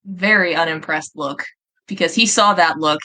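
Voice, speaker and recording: A woman playing a tabletop game, quick and joking with the table. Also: fairly low pitch, sharp tone. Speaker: player. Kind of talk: casual game chat.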